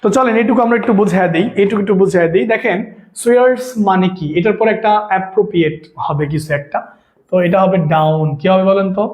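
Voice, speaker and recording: A man teaching English for an exam, speaking, who keeps asking viewers whether the point is clear. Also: high voice, a little mellow, echoey room. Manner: repeats questions and asks viewers to confirm understanding; reads English examples slowly, explains quickly. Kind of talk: online exam-prep lesson.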